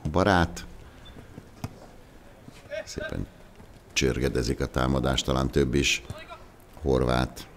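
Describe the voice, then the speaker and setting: Very deep-voiced male football commentator. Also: long pauses. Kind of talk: live local football commentary.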